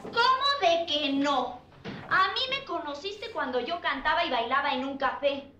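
An actress playing a jealous, suspicious, nagging wife in a comedy film. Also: female voice, sits high, lively intonation, unhurried, sharp tone, soft background music, full character voice. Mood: suspicious, indignant. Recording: echoey, faintly noisy film soundtrack.

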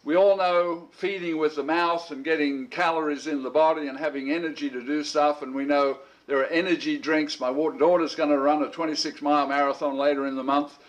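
A middle-aged man teaching an informal Bible school lesson, his voice a bit higher than most men's. He rambles in a conversational way, repeating words as he restarts his sentences. He clears his throat now and then between thoughts. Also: steady tone, a little fast, hardly any pauses, muffled recording.

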